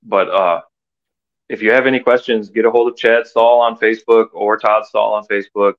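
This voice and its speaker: A man's voice: on the low side, fairly even intonation, normal speed, lo-fi sound. A man talking as a podcast guest in casual chat, easygoing and plain-spoken, with frequent "uh" fillers. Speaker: podcast guest, wrestling tournament organizer.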